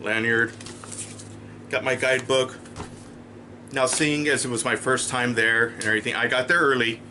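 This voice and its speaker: A man's voice: mid-range voice, steady tone, normal speed, sharp tone, a little hiss or hum. A man casually telling a personal story in his vlog, holding up items for the camera. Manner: chatty, rambling, shows items to camera. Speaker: vlogger.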